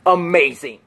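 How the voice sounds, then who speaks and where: A man's voice: fairly high pitch, sharp tone. A man hosting a comedic news rant, sarcastic and mocking, who laughs at his own jokes. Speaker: YouTube host.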